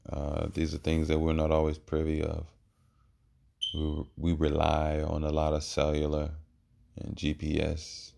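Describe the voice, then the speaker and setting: Male, slow and monotone, for a reflective, halting solo ramble with a gravelly fry. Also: extremely low pitch. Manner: halting, reflective, trailing pauses. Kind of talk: rambling spoken monologue.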